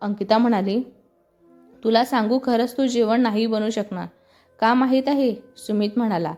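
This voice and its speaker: A woman's voice: fairly high pitch, moderate pace, warm tone, muffled recording, soft background music. A woman reading a story aloud as scripted narration, speaking all the characters' lines in her own voice.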